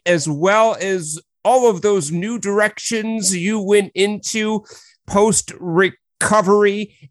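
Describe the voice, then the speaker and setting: A man's voice: high voice, no room sound, clean studio sound. A man hosting a recovery podcast, reading an enthusiastic scripted introduction. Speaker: podcast host. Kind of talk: scripted intro then interview.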